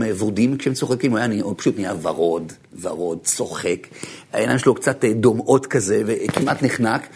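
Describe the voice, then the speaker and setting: A man, a rabbi, giving an animated lecture full of stories, swinging from low murmurs to high bursts and laughing as he tells them. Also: breathy edge. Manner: laughs while telling stories.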